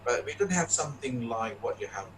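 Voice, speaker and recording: A man's voice: medium pitch, lively intonation, fairly quick, noisy background. A male Buddhist monk from Thailand, asking questions and recalling customs from memory in an easygoing discussion. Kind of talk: casual Dhamma discussion. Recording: distant off-mic voice.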